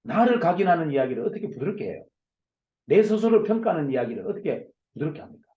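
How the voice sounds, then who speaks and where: A man, a company CEO, giving a forceful motivational lecture over a video call, loud and emphatic, firing off rhetorical questions. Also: fairly high pitch, big pitch swings, fast, reverberant, highs cut off. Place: online video session.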